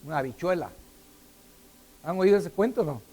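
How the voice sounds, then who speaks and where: A man's voice: fairly high pitch, lively intonation, moderate pace, darkish tone. A middle-aged man preaching a sermon, often putting questions to the congregation. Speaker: pastor.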